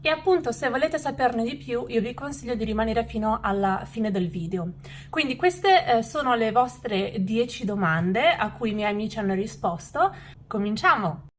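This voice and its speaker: A woman's voice: on the high side, animated, a little fast, slight background noise. A woman hosting her vlog, introducing it in a chatty way with many fillers. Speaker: vlog host.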